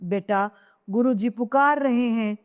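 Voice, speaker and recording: A woman's voice: a little high, measured pace, long reverb tail, lightly acted. Woman reading as a wailing grieving queen mother. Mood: grief-stricken. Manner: wailing lament, cries of hai.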